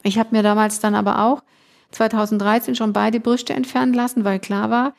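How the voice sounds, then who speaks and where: A woman's voice: fairly high pitch, flat delivery, fairly quick, creaky. A middle-aged woman, a podcast guest, earnestly telling a personal story in casual conversation, emotional and full of restarts.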